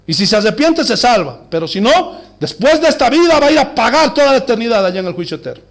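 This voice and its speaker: Male pastor, sermon delivery in a church, high and animated, keeps quizzing the flock. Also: fast talker. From Bolivia. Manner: preaching with rhetorical questions to the congregation.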